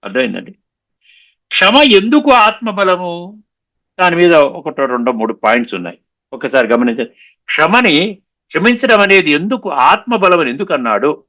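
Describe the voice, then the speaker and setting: A man giving a spiritual discourse, explaining patiently, slowing down on key sayings and often checking that listeners understood. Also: on the high side, big pitch swings, bright, forceful tone. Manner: mixes English words into his talk; repeats and slows down on key sayings. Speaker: spiritual lecturer.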